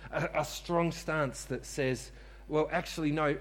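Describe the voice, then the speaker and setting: A man's voice: a little high, steady tone, a little slow. A man preaching a sermon to a congregation in church, repeating key phrases for emphasis and calling on listeners to respond. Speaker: pastor.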